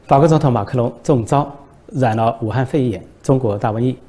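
A male commentator hosts his live-stream show and tells a joke in an animated storytelling way. His voice is mellow and somewhat husky. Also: medium pitch, a little fast. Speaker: political commentator host.

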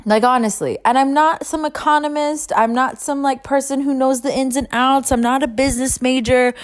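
A woman's voice: high voice, fairly even intonation, moderate pace. Woman in her twenties, podcast host, casual solo rant, profane, candid, frustrated.

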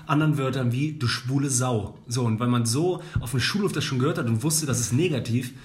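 A young man co-hosting a casual podcast, speaking haltingly with many fillers as he searches for words. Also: medium pitch. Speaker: podcast co-host.

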